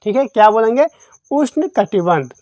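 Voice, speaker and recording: A woman's voice: on the high side, animated, moderate pace, dark tone, dry recording. Woman teaching geography in a dry voice-over. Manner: repetitive quiz-style, asks and answers her own questions. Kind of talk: exam-prep lesson.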